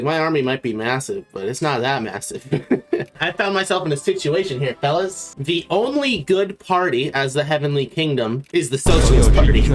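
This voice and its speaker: A gaming video creator giving strategy game commentary, excitable and laughing often, swinging from glee to loud frustration and swearing freely. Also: medium pitch. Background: faint background music.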